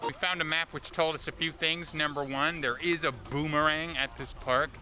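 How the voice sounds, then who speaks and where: A man vlogs on a handheld camera while he strolls around an amusement park. His delivery is chatty and full of jokes. Loud park music plays behind him outdoors. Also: a little high, steady tone, moderate pace. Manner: chatty and joking. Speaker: vlog host. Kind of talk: casual vlog narration.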